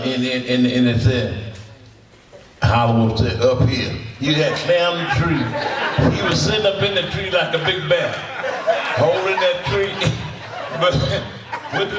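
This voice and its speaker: A man's voice: high-pitched, heavy background noise. A man, a blues musician telling rambling stories to an audience, repeating words and chuckling as he goes. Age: 80s. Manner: folksy, repetitive, chuckling storyteller. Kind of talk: storytelling to an audience. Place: symposium hall. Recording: echoey room from far off.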